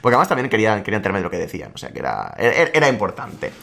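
A young man, co-hosting a casual podcast, telling stories quickly and laughing often. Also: fairly low pitch, huge pitch swings, creaky, sharp tone. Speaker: podcast co-host. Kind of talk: casual chat.

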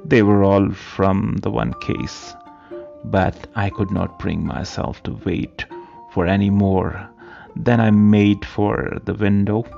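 A man reading a period story aloud in a slow, halting way, often repeating words. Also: lowish voice, steady tone, vocal fry, mellow, lo-fi sound, faint music behind. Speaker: narrator.

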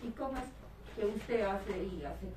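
A woman's voice: mid-range voice, a little slow. Woman in the audience, far from the mic, noisy echoey room. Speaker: audience member.

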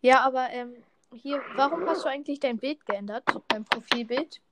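A woman's voice: high-pitched, moderate pace, heavy background noise. A woman co-hosting a casual podcast chat, teasing and mocking her partner in a dry way. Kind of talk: casual chat while opening in-game rewards.

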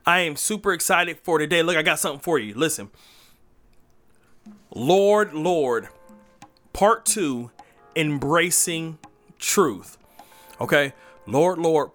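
High, bright-voiced preachy podcast host man. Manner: hype, sing-song intro then preachy, emphatic delivery. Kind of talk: energetic faith podcast monologue. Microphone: podcast microphone.

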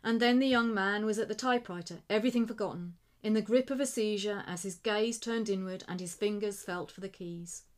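A woman reading a short story aloud in a measured, expressive narration. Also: medium pitch.

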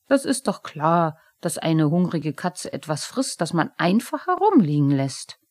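Woman playing an old carpenter, calm gruff scolding, slightly lowered voice, storybook. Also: measured pace, no room sound, clean studio sound, full character voice. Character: patient grumbling old master carpenter.

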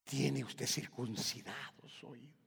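A man from Guatemala with a Guatemalan Spanish accent, preaching a fervent sermon in a church. He swings from shouted calls to hushed whispers and keeps addressing his listeners as brother. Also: mid-range voice, steady tone, a little slow, gravelly, slightly rough. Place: church hall. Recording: long reverb of a large hall.

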